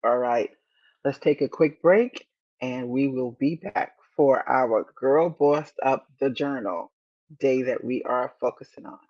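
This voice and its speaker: Woman, 50s, podcast host, unhurried delivery, encouraging, muffled lo-fi sound. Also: rumbling low, warm tone. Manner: deliberate, repeats key phrases, encouraging. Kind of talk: motivational podcast talk.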